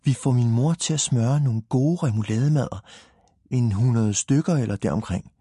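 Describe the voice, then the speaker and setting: A man doing an eager, excitable little boy. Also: medium pitch, husky, no echo, clean studio sound, lightly acted. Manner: eager, exclaiming.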